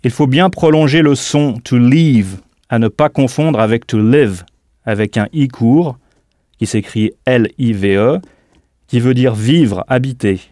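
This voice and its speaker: Man, audio lesson teacher, mid-pitched, dry close studio sound, deliberate and clear. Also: warm tone, dry recording. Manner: clear, deliberate, spells out words letter by letter. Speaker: language teacher. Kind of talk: scripted audio language lesson.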